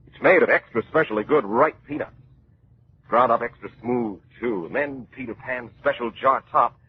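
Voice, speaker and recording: A man announcing in vintage radio style, a folksy, enthusiastic pitchman and dramatic story narrator. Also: slightly rough. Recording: muffled old radio recording.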